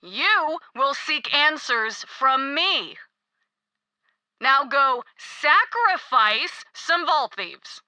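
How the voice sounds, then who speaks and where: A woman's voice: high-pitched, big pitch swings, very slow, sharp tone, dry recording, exaggerated voice. An actress playing a young cult queen in a video game, mocking, sing-song and sweetly menacing. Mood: condescending. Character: gleeful, cruel young woman cult queen. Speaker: cult leader God Queen.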